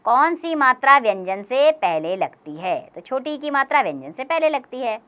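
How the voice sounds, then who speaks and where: Bright lively woman teaching young children. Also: high-pitched. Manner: slow, clear, explaining step by step. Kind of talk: recorded grammar lesson for young children.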